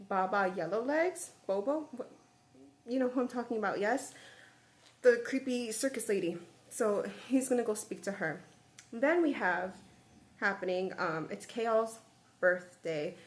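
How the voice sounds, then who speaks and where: A young woman vlogging about a book she is reading, animated and chatty, with lots of "like" and "babe". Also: medium pitch, slight background noise. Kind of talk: casual book reaction rant.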